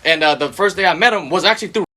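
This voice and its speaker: A man's voice: high-pitched, racing, sharp tone. A man co-hosting a podcast who tells stories in a laid-back, slangy way. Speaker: podcast co-host. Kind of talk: casual podcast conversation.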